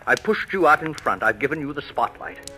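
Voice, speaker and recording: A man with a mid-range, sing-song voice, a little fast, pushed and bright, plays a proud, bitter middle-aged actor husband in an old-time radio thriller. His delivery is florid and declamatory, bitter and resolute. It's a vintage radio recording with poor audio and faint music behind.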